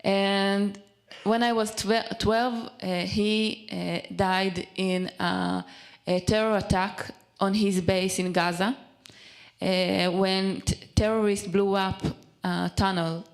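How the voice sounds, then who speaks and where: A young woman from Israel gives a personal testimony in English, her second language after Hebrew. She speaks haltingly, pausing often with fillers and restarting words as she searches for them, in a voice of ordinary middle pitch. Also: fairly even intonation. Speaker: speaker at a community event.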